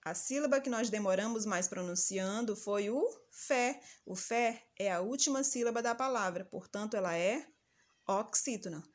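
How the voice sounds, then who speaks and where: A woman teacher giving a patient, didactic lesson and calling out example words slowly and loudly. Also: mid-range voice. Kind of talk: recorded grammar lesson for children.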